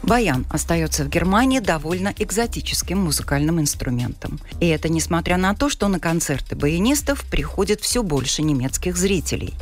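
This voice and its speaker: A woman hosting a podcast, reading a measured introduction and then asking interview questions. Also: fairly low pitch, lively intonation, soft background music. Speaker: podcast host.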